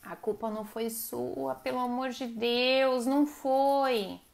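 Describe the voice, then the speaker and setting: A woman's voice: sits high, steady tone, takes it slowly, gravelly. A woman hosting a live stream. She gives a casual motivational talk and speaks straight to her viewers. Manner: conversational, addresses viewers directly and acts out quoted voices.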